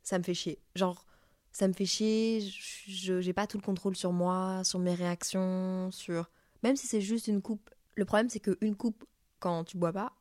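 A woman's voice: mid-range voice, steady tone, unhurried, a little mellow, no room sound, studio quality. A woman in her twenties with a French accent, hosting a casual podcast monologue and talking candidly, swearing freely. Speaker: podcast host.

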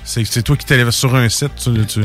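A man's voice: medium pitch, steady tone, quick pace, soft background music. A man with a Québécois accent co-hosting a radio show, wisecracking and self-mocking. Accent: Québécois French. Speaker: radio co-host. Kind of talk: casual radio chat.

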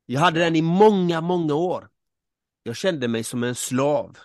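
A man's voice: a little high, animated, darkish tone, no echo, studio quality. A man co-hosting a podcast, telling a personal story earnestly, with emphatic repeats and asides to the listener. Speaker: podcast co-host, coach. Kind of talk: casual podcast chat.

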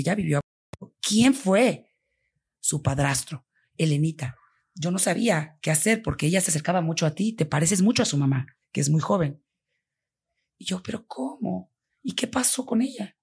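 A Mexican woman, a foundation founder, telling a story in an interview and acting out the dialogue with lively voices. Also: low voice, breathy edge. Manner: animated, acts out quoted dialogue.

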